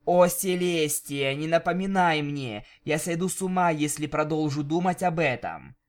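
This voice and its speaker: A man voicing a prim, earnest young female pony cellist in a fan-fiction audiobook, speaking in a measured, polite way. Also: mid-range voice, very animated, natural voice. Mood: exasperated.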